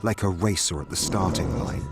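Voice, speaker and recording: A man who streams spooky stories, reading a horror story aloud in a steady, measured way. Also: low-pitched. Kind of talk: scripted horror story narration. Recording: music playing behind the voice.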